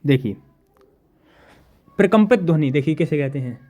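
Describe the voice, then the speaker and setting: High-voiced man teaching a class. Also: lively intonation, a little mellow. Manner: repeats definitions slowly, asks students questions. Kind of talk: classroom lecture.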